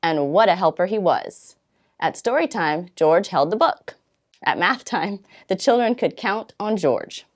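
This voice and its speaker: A volunteer storytime reader with a slightly low voice reads a children's storybook aloud. She carries the story with very animated intonation, dramatic pauses, and stretched-out words.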